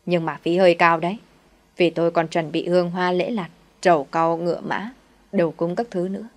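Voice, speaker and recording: A woman's voice: on the low side, steady tone, moderate pace, lightly acted. A woman voicing a greedy, scornful middle-aged female village shaman who sneers and scolds.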